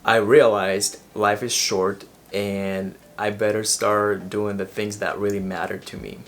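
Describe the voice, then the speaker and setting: Here the young Ecuadorian man talks in a fairly low, level voice at a measured pace, with slight background noise. He's a vlogger with an Ecuadorian Spanish accent, speaking earnestly and motivationally in a personal vlog and sometimes starting a phrase over.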